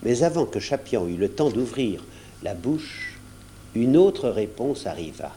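A man narrating a children's storybook aloud in an expressive, varied storytelling manner. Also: mid-range voice, unhurried, slight background noise. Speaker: audiobook narrator. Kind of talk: storybook read aloud from cassette.

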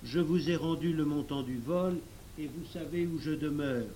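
A man reading a storybook and voicing a smooth-talking thief who answers politely and evasively. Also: a little high, moderate pace, mellow, slight background noise, lightly acted.

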